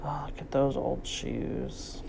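A woman vlogger and reseller casually narrating as she browses an antique store, softly marveling and sometimes dropping to a whisper. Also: a bass voice, level tone, slow, creaky. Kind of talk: casual shop-along narration. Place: cluttered indoor antique store.

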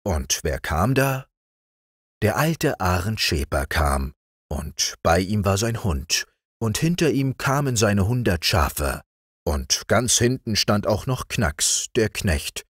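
Man reading a bedtime fairy tale, slow, lively pitch, dry close sound. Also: breathy edge, no echo. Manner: slow, animated storytelling. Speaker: audiobook reader.

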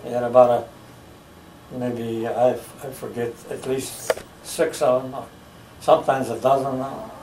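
A noisy background surrounds an elderly man born in the United States as he slowly recounts his youth for a family oral history. His medium-pitched voice barely moves in pitch, and he pauses often to find details. He sits in a living room recliner, picked up as roomy, distant home video by a camera mic across the room.

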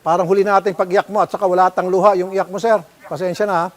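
Filipino male broadcast host, slightly high voice, stern interrogator who scolds. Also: little pitch movement. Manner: stern, scolding, rapid-fire questioning. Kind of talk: confrontational public-service broadcast.

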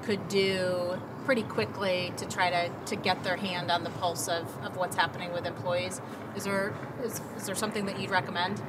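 Woman asking questions amid loud street noise. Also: on the low side, level tone, moderate pace. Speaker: co-host. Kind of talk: corporate interview questions. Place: outdoor urban courtyard. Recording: distant, loud outdoor noise.

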